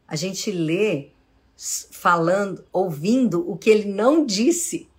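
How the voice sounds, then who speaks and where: A middle-aged Brazilian woman speaks in an unhurried, measured way as a psychologist answering her audience's questions live. She is calm and explanatory, with a voice of ordinary height for a woman, and she acts out short bits of everyday talk to make her points. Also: medium pitch. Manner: calm and explanatory, acting out short examples of speech.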